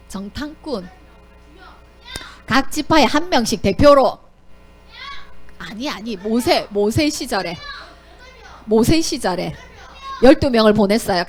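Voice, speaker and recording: Woman Sunday school teacher, animated, questioning children, very lively pitch. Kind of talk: Bible story lesson for children.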